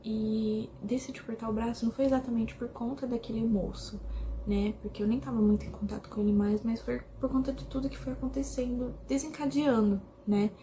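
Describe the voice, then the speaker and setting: A young woman from Brazil tells her personal story to the camera in a mellow, warm voice. Her delivery is emotional and halting, with many repetitions. A faint noise sits under the recording. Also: a little high, steady tone. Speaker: vlogger.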